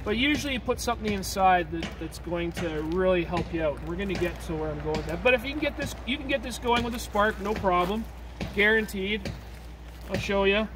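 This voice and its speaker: Casual male teacher, fairly high voice, recorded from a distance outdoors with clear traffic noise behind him. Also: brisk. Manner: casual, checks in with "okay?", chatty asides. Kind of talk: hands-on outdoor survival demonstration.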